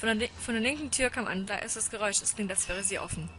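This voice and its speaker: Woman doing a let's play, reads the game text out, bright crisp voice, panicky repeats when spooked. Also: medium pitch, quick pace, a little hiss or hum. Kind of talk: casual live game commentary.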